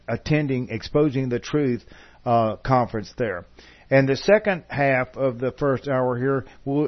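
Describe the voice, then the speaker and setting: A man hosting a casual radio interview, rambling with restarts. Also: mid-range voice. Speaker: radio host. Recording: dull lo-fi radio recording.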